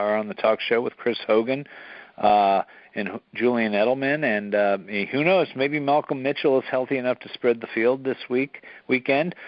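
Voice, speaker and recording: A man's voice: mid-range voice, no echo, lo-fi sound. Hesitant man on a sports talk show. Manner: halting, many fillers.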